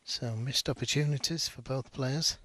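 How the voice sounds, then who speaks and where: A man giving hushed live snooker commentary in a measured, analytical and understated way. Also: medium pitch, very noisy.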